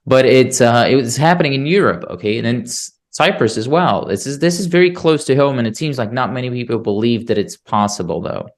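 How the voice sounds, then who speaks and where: A young man from Bulgaria hosting an interview, telling a story in an animated way on a podcast mic. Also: medium pitch, a little fast, hardly any pauses. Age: young adult. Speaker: podcast host. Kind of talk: interview conversation. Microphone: podcast mic on boom arm.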